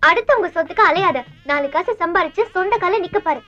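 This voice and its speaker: A sharp-tongued young woman, snaps back quick retorts in a high voice. Her lines come from a dull film soundtrack. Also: animated. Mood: retorting. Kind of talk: film comedy acting.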